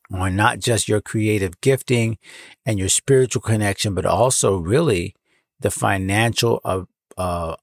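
A man's voice: fairly low pitch, no echo. A man hosting a casual podcast, talking from inside a clothes closet at home and often correcting himself mid-phrase. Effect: dry, close sound of a voice recorded inside a clothes closet. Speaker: podcast host and founder. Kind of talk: casual faith-and-creativity podcast talk.

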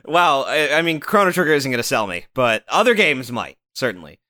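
A man's voice: mid-range voice, big pitch swings, brisk, bright, forceful tone, dry recording, studio quality. A young man in casual chat as a podcast co-host, with a slangy, joking, crude way of talking.

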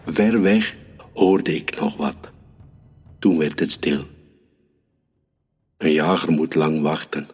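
Man, storyteller, very low voice, husky, children's story reading. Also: takes it slowly, long pauses. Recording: reverberant room with soft music.

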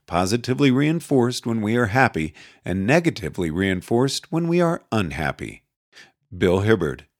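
A man narrating an essay as an audiobook reader, measured and dry with wry asides. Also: medium pitch, no echo.

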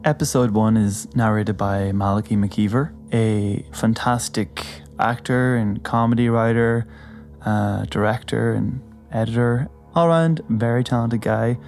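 A man with a fairly low voice introduces his podcast. He speaks as the host in a prepared opening, with spooky music playing underneath. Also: measured pace, darkish tone. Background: spooky background music.

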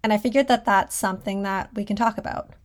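A woman's voice: mid-range voice, steady tone, fast. A woman hosting a solo podcast from her closet at home, talking casually and conversationally with a self-deprecating streak. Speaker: podcast host and designer. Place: small clothes closet at home.

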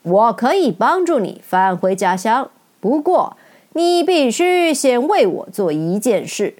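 A woman voicing a majestic, stern giant head who speaks slowly and commandingly in a children's storybook reading. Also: on the high side, very animated. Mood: imposing. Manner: slow, loud, commanding.

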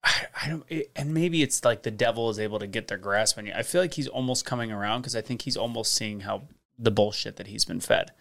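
A man's voice: lowish voice, quick pace, vocal fry, fairly bright tone. Blunt, opinionated man in casual chat. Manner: blunt, opinionated, swears freely. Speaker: podcast guest.

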